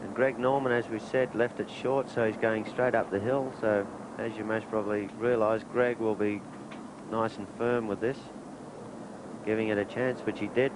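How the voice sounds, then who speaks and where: Lower-voiced male golf commentator. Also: steady tone, moderate pace. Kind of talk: conversational expert golf commentary. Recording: noisy outdoor 1980s TV broadcast.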